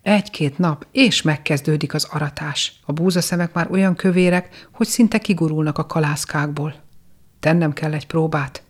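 A narrator giving a measured, expressive storybook reading of a fairy tale. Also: medium pitch.

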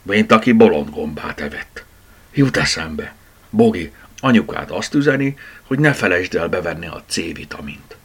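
A man's voice: deep voice, lively intonation, fairly bright tone, husky, exaggerated voice. A man voicing a proud, easily offended plush toy dog in a children's storybook. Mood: amused.

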